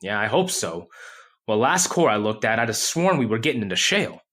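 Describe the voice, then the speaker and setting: Radio horror drama role: man as skinny, nervous rig geologist, halting and jittery, very animated intonation. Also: lowish voice. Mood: musing. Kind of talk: old-time radio horror drama acting.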